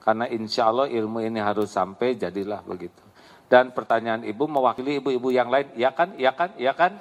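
A man giving a lively Islamic sermon, answering a question, acting out voices and laughing often. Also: medium pitch, brisk, a little hiss or hum. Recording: long hall reverb.

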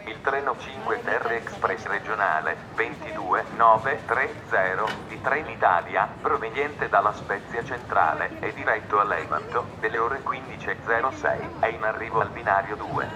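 A man giving formal, clipped train station announcements over a station loudspeaker. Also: fairly low pitch, moderate pace, few pauses, a crowd in the background. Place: outdoor railway platform. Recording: loudspeaker with clear background noise.

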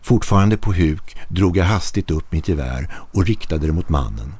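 A man narrating a horror story in a measured, tense storytelling manner. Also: extremely low pitch, a little mellow, slightly rough, dry recording.

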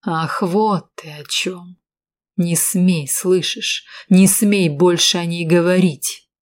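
A woman's voice: on the low side, fairly even intonation, takes it slowly. A woman reading an audiobook, voicing an irritable hard-drinking man who hisses threats through his teeth. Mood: angry, menacing.

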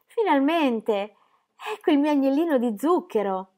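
A woman's voice: high-pitched, lively intonation, a little slow, darkish tone, voice pushed up. A woman doing a stern German pastor. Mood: stern insistent. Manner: severe, insistent. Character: stern, simple-minded, stolid German pastor, large man.

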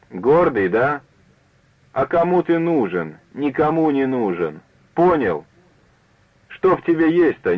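A man's voice: on the high side, slightly rough, voice pushed up, heavily acted. A man reading a radio story and voicing a drunk, disfigured woman who bitterly orders men about in a thin, breaking voice. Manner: shouting commands, accusing. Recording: narrow phone-like dry broadcast.

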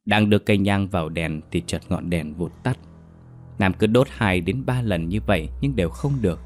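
A man narrating a horror story in a steady storytelling manner. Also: sits low.

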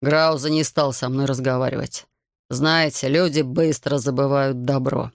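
A man voicing a distraught heavyset businessman begging for help for his arrested son, in a slow, broken, pleading way. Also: medium pitch, steady tone, creaky, no room sound, clean studio sound, lightly acted. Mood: desperate pleading. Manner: desperate, pleading, slowed and broken.

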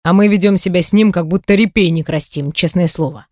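Woman voicing a gruff stern ex-husband. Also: fairly low pitch, brisk, a little mellow, no room sound, clean studio sound, natural voice. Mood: weary. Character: stern proud ex-husband, middle-aged man.

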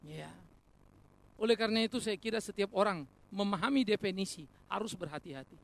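This preacher's voice is high and creaky, and he moves at a brisk pace. Lively and down-to-earth, his sermon mixes rhetorical questions, jokes on the side, and direct appeals to the people in the pews.

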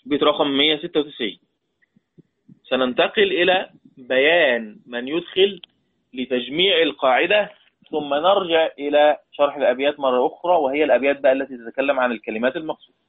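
Egyptian male Quran teacher, higher voice, thin phone-like audio, repeats and quizzes the class. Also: quick pace. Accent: Egyptian Arabic. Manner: repeats points, quizzes listeners, draws out recited words. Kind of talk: classroom lesson. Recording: tinny phone-like sound.

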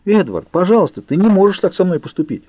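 A desperate teenage girl, as a male reader puts her on, cries out in a voice pitched well above his own. The tone stays dark and the sound is dry and dull. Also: big pitch swings, quick pace, husky, dry recording, exaggerated voice. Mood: pleading. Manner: pleading, shouting, raised pitch. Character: frightened furious teenage girl. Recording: muffled lo-fi recording.

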